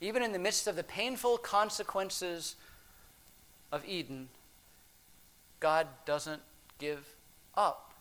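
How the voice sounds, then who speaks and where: Man, preacher, sermon, high-pitched voice, expressive, hushed then emphatic. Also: slow pace, pauses often.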